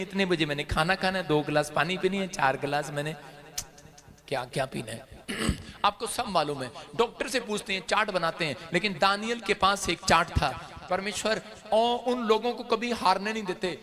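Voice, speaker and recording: Man preaching, high voice, very bright and cutting, fervent, building to shouts. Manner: impassioned, rising to shouts; teaching with everyday stories. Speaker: pastor. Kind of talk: sermon.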